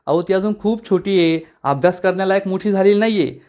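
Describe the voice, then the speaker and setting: Chiding, talkative young woman scolding her boss, read by a high-voiced male narrator. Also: fairly quick, darkish tone, lightly acted.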